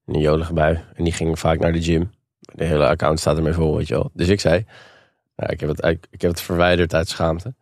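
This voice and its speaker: A young Dutch man in his twenties on a student podcast, telling stories deadpan with mumbled asides. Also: extremely low pitch, fairly quick, no echo, clean studio sound. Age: 20s. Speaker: podcast co-host. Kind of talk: casual chat.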